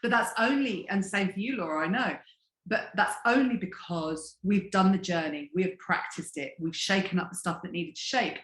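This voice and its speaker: A woman wellness coach teaching in conversation, telling stories in an expressive, animated way. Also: medium pitch, normal speed, reverberant.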